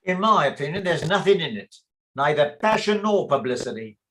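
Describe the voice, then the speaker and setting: A man's voice: on the high side, very animated, fairly quick, fairly bright tone. A man playing a blunt, argumentative, practical theatre man in a stage play reading, blustering as he talks. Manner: blustering, interrupting.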